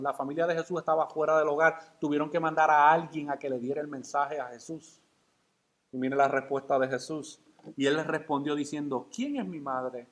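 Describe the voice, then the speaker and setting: A man preaching from the pulpit, his voice pitched high for a man. He keeps firing rhetorical questions at the congregation and then answers them himself. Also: a bit bright. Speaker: pastor. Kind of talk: sermon.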